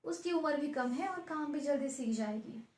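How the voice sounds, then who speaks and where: A mild elder sister-in-law giving calm, measured advice, as a woman teacher reads it out. The voice is high. The room rings with an echo. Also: lightly acted. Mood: advising. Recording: roomy echo.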